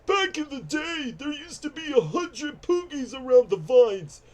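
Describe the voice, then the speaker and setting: A man's voice: very high-pitched, big pitch swings, unhurried, pitched above the performer's own voice, exaggerated voice. A man voicing a chatty, nostalgic, grumpy old villager from a video game in a strained old-man voice. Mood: nostalgic, rambling. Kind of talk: video game character read aloud.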